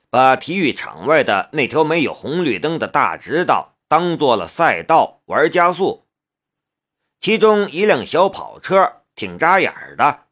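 Slow, expressive male audiobook narrator. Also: mid-range voice. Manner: expressive storytelling.

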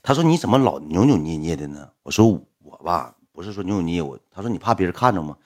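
In a low, darkish, sing-song voice, a young man with a Northeastern Mandarin accent tells an audience a story at a quick pace. He's plainspoken and colloquial, swearing from time to time and voicing each side of the exchange.

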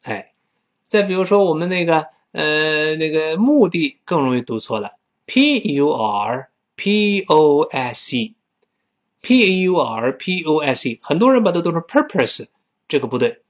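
A male English teacher. His pitch swings up and down a lot as he explains. He often slows down to repeat each English phrase for learners to copy. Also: expressive. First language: Chinese. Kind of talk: spoken English lesson.

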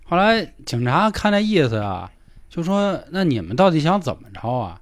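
A man's voice: on the high side, normal speed. A man with a Beijing accent, a podcast host telling a funny story in casual chat and acting out the people in it. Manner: animated, acts out the others in the story.

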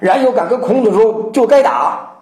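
Sex: woman. Role: animated storytelling lecturer. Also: a little high, moderate pace. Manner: animated, acts out quotations. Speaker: lecturer on classical poetry. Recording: roomy echo.

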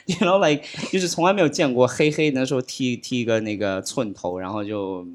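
A man's voice: medium pitch, fairly quick. A man in his thirties who grew up in the United States, a podcast guest chatting casually and rambling, dropping English fillers into his talk. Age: 30s. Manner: mixes English fillers like "you know, like" into Chinese; rambling, with frequent restarts and repeated words.

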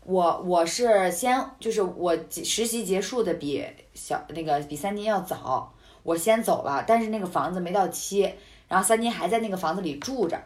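A woman chatting casually, telling a story with animated, indignant outbursts. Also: on the low side, normal speed. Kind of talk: casual chat.

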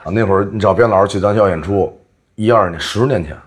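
A man's voice: lowish voice, slight background noise. A man hosting a podcast, telling stories and teasing his co-host in casual chat. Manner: quick, teasing storyteller.

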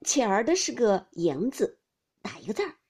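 A good-humored young widow, put on by a woman narrator chats cheerfully and lets her pitch rise and fall freely. Her voice is husky and breathy, and she draws out her words when she poses a riddle. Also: very animated, normal speed, a little mellow, exaggerated voice. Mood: playful.

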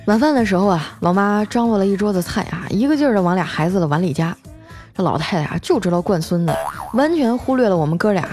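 A woman's voice: medium pitch, lively intonation, fast talker, a little mellow, soft background music. A young woman hosting a comic audio show, telling funny stories and reading listener messages in a chatty, playful way. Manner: chatty, playful, trails phrases with 啊. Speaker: podcast host.

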